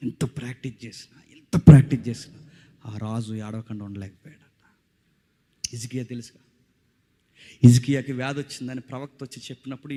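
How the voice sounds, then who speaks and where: Dramatic preacher with echoing voice. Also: male voice, medium pitch. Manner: dramatic, swings between loud preaching and hushed tones; repeats phrases for emphasis, asks the crowd questions. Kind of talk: village revival sermon. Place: outdoor village meeting stage.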